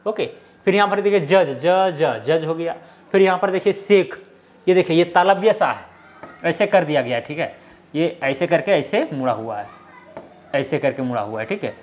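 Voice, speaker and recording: A man's voice: fairly high pitch, expressive, normal speed. Man teaching a script. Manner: explains step by step, often checks in with the viewer. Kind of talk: casual explaining lesson.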